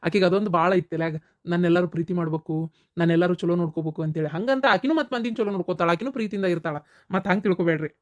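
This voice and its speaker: A woman's voice: fairly low pitch, very fast. A woman narrating a cartoon story with a North Karnataka Kannada accent, in a conversational, explaining way.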